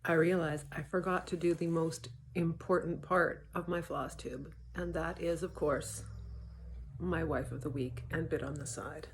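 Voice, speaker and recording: A woman chatting casually on her cross stitch vlog, playful and warm with friends, often repeating words as she restarts. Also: low-pitched, fairly even intonation, measured pace, a little hiss or hum. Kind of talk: casual chat to camera. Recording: roomy echo.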